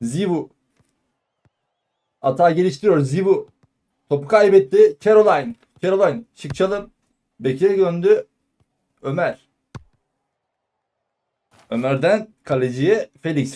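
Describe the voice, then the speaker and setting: Male football commentator, high pitch, terse live play-by-play, breaks into excited yelling on big moments. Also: unhurried, pauses often. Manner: excited shouting on goals and shots; clipped phrases, calling out player names.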